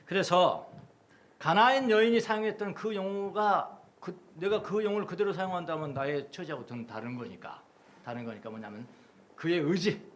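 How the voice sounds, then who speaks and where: A middle-aged pastor from Jeolla, South Korea preaches a Sunday sermon, his slightly raised voice leaping up and down as he builds rhythmic chains of repeated phrases. A faint hum sits under the church recording. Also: a little high. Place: church sanctuary.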